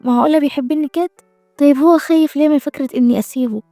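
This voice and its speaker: A woman's voice: high-pitched, racing, warm tone, no room sound, clean studio sound, soft background music. A woman voicing a proud, doubting young female assistant who talks in a pointed, sometimes sarcastic way with an Egyptian Arabic accent. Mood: earnest.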